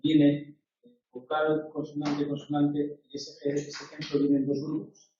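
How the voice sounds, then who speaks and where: A man speaking as a student in class, raising a quiet, flat objection. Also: a little high, a little slow. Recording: very echoey, from far off, dull.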